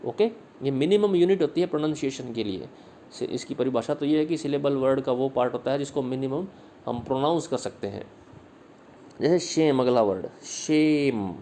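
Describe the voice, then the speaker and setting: A male English literature teacher giving a slide-based video lesson, patiently repeating words slowly and explaining each slide line. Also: mid-range voice, warm tone, slight background noise.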